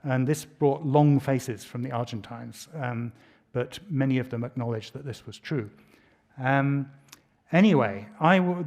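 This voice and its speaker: A man's voice: mid-range voice, darkish tone. British man telling lecture anecdotes. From Britain. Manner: conversational storytelling, dry humor. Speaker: lecturer, former ambassador. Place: lecture hall.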